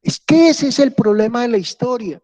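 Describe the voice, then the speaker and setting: A man from Colombia, giving a history lecture and telling stories in a chatty, animated way. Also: extremely high pitch, moderate pace, big-room sound. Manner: animated, chatty, acts out anecdotes. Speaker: history teacher. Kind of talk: classroom lecture with storytelling. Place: classroom, with hybrid remote class.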